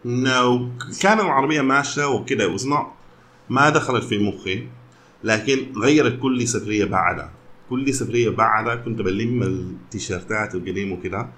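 Fast-talking Sudanese man mixing Arabic and English. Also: mid-range voice, a bit bright. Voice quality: code-switches between Arabic and English. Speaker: company founder.

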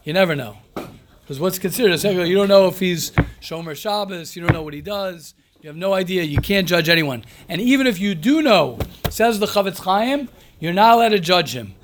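Over a faint hiss or hum, a man with a high-sitting voice teaches an informal religious class. He is a rabbi giving his daily lesson, reading aloud, commenting forcefully, echoing his own phrases, and asking rhetorical questions.

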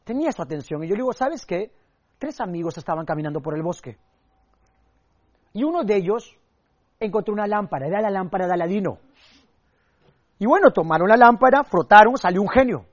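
A young man teaching public speaking, energetic and emphatic, telling stories and acting out what people said. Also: high-pitched, fairly quick, long pauses, lo-fi sound. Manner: energetic, emphatic, acts out quotes and sound effects. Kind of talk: motivational speaking lesson with stories.

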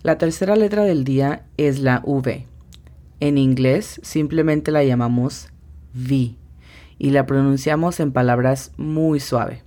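Slow low-voiced woman teaching English. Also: warm tone. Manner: slow, careful pronunciation drills. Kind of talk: podcast language lesson.

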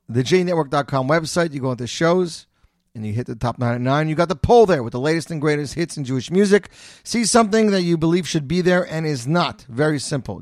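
A man's voice: fairly high pitch, no room sound, clean studio sound. A man hosting a live music radio show, delivering it in an announcer's top-ten countdown style with dramatic lifts. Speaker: radio host and DJ.

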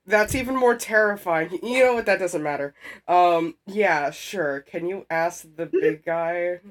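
A woman's voice: lowish voice, a little slow. A woman playing a tabletop game, chatting casually in a wry, rambling way. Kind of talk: casual chat during a role-playing game.

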